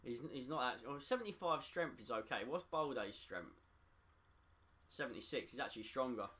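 Bright-voiced excitable young streamer man. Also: mid-range voice. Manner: excitable, talks to chat, quick to frustration. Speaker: gaming streamer. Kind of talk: live gameplay commentary.

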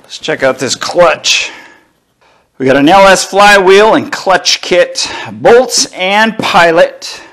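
A middle-aged man slowly unboxing and inspecting car parts in his home garage, talking casually to a camera a few feet away. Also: sits high, animated, fairly bright tone. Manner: slow, easygoing, talks while handling parts. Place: home garage workshop, indoors.

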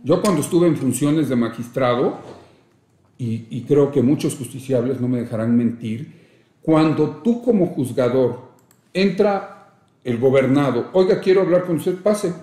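A man's voice: medium pitch, expressive, measured pace, mellow. Emphatic Mexican man in a roomy room. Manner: emphatic, rhetorical, lecturing. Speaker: judge, interview guest. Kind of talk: conversational interview.

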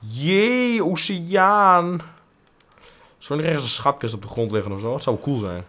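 A man's voice: lowish voice, racing. Crude joking Dutch gaming man. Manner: crude, joking, hums silly tunes. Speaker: let's play gamer. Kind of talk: casual gameplay commentary.

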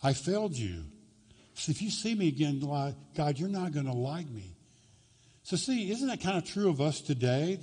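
A man's voice: mid-range voice, warm tone, breathy edge. A man preaching a conversational sermon in a church, often acting out quoted voices. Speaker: pastor. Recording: long reverb in a church hall.

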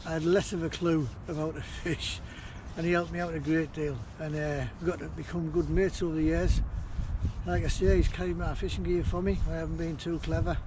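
A man's voice: on the high side, little pitch movement, brisk, noisy background. A man vlogging a fishing trip from a riverbank, chatting casually and rambling with fillers. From northern England. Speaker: angling vlogger. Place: riverbank outdoors. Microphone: action camera.

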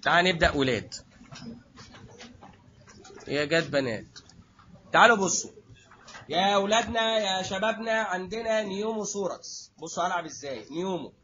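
A man with an Egyptian Arabic accent giving a lively surgery lecture to students, joking and acting out little scenes. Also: high voice, normal speed, pauses often, lo-fi sound, a little hiss or hum. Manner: jokey, acts out little scenes, addresses students directly.

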